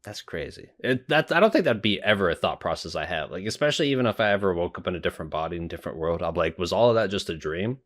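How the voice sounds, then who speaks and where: A man's voice: deep voice, big pitch swings, rapid-fire, few pauses, a bit bright. A young man giving informal, sweary, blurted commentary as he watches an anime. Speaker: reaction video host.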